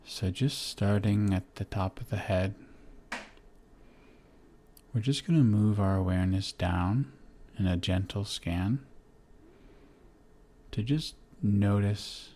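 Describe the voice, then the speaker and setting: Against slight background noise, a man with a deep, soft-edged, mellow voice talks listeners through a guided body-scan meditation. He goes very slowly and gently, in brief phrases, and lets long, restful pauses fall after each instruction.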